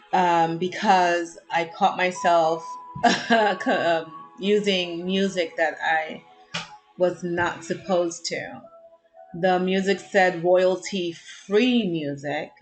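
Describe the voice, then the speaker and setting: A woman's voice: on the low side, poor audio. A woman giving a casual, chatty voice-over introduction to her daily meditation session, rambling with many fillers. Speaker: meditation host.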